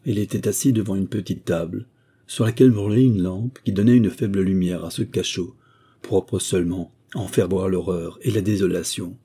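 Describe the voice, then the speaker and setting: A man narrating a classic novel as an audiobook, reading in a measured, steady way. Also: low voice, husky.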